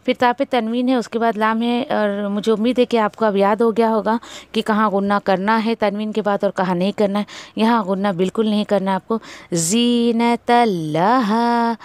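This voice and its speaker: A woman teaching a Quran recitation lesson, correcting pronunciation by slowly repeating syllables to demonstrate. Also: a little high, a little mellow, no echo. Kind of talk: tajweed lesson.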